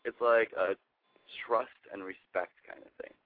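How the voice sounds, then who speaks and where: A young man in his twenties talks as a guest on a radio show, agreeing and laughing along easily. His voice is very low and dry, squeezed through a thin, phone-like sound. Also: fairly even intonation, a little slow, dry recording. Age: 20s. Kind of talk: casual chat.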